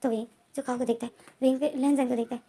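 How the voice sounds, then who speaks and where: A woman retells a story in a rushing, run-on narration. Her voice sits high and she speaks quickly, repeating names as she goes. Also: level tone, mellow, breathy edge.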